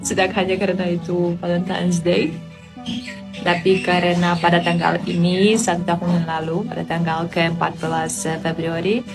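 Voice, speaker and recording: A woman's voice: fairly low pitch, level tone, normal speed, vocal fry, over music. A young woman from Poland with a Polish accent, speaking as a foreigner in a learned language with some hesitation, in a casual vlog. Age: young adult. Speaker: vlogger, master's student.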